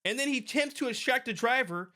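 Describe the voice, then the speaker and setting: A woman's voice: fairly high pitch, fast talker. A woman hosting a podcast, commenting casually and emphatically on a video clip as a private security expert, with many restarts. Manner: animated and emphatic, with frequent restarts and laughs.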